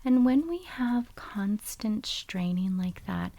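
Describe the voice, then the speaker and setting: ASMR role-play, creaky-voiced woman as foot doctor. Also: medium pitch, expressive, slow pace, no echo. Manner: soft-spoken, gentle, methodical, explanatory. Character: calm, gentle foot doctor examining a patient.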